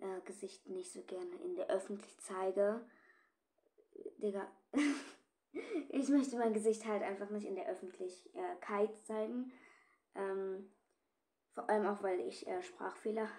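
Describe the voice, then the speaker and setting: A woman giving casual gameplay commentary to her viewers, switching between hushed whispers and sudden loud, excited outbursts, often repeating words in bursts. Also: mid-range voice. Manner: repetitive, chatty, addresses viewers as "Leute". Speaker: gamer and video creator.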